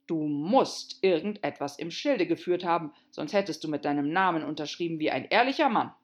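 A woman voicing a pompous storybook king who speaks slowly and weightily. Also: sits low, expressive. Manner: self-important, ponderous. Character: pompous, fretful king of a card court.

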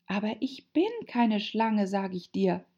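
A woman's voice: medium pitch, measured pace, mellow, breathy edge, pitched above the performer's own voice. A woman voicing a bewildered, indignant little girl, on a dull lo-fi recording. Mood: earnest, flustered. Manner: indignant, truthful.

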